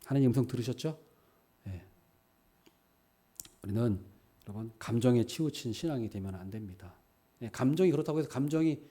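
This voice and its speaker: A man pastor preaching a sermon, animated, acting out quoted dialogue and asking the listeners rhetorical questions. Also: mid-range voice, husky.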